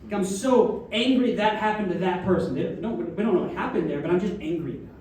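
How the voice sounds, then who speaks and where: Guy giving a sermon, kinda high voice, super echoey church, mic far off. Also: fast, a little mellow. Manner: conversational preaching with frequent audience check-ins. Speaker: minister. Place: church sanctuary. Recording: very echoey distant room mic, faint background noise.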